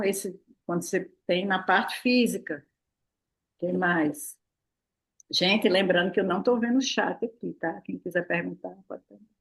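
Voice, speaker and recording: An older woman gives a relaxed, playful talk as a therapist. She keeps tossing in little questions and answers them herself, in a warm, chatty back-and-forth. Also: mid-range voice. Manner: lively, playful, full of "né?" and rhetorical "o quê?". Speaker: therapist and guest speaker. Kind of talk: casual explanatory talk to a live online audience.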